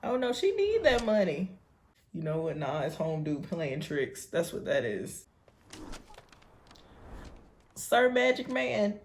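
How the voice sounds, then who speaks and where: A woman's voice: low voice, big pitch swings, measured pace, a little mellow, a little hiss or hum. A woman with an American accent giving colloquial, casual reaction commentary as she talks back to the screen. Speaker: reaction show host.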